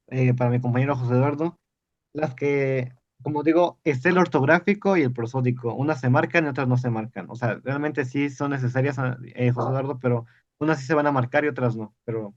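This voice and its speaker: A man's voice: mid-range voice, fairly even intonation, a little fast, dull audio. A man adding points in a casual podcast discussion, polite and repeating his phrases. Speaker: podcast participant.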